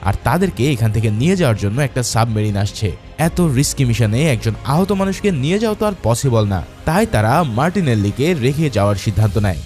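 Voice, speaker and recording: A man with a medium-pitched, slightly mellow voice narrates a scripted movie recap over background music. His storytelling is casual yet dramatic, and he addresses viewers informally.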